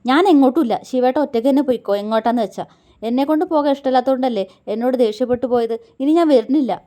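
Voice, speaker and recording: An emotional young wife, high and pleading, sulky when hurt, as a woman narrator puts her on. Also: fast talker, darkish tone, natural voice.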